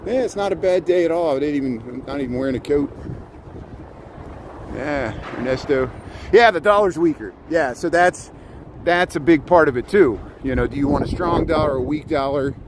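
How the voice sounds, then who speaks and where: A man chatting casually on a livestream outdoors, rambling and halting, often repeating his words. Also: a little high. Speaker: live streamer. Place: outdoors on a city riverwalk. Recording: outdoor livestream with clear city noise.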